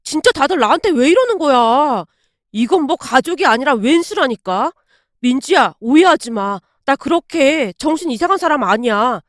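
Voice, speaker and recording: A woman's voice: high voice, expressive, moderate pace, dry recording, clean studio sound. A woman voicing an indignant young husband. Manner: indignant, protesting.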